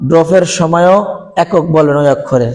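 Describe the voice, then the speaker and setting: A man's voice: a little high, normal speed, a little mellow. A man teaching a Quran recitation training lesson, explaining sounds step by step and putting questions to his listeners. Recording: hall with long reverb.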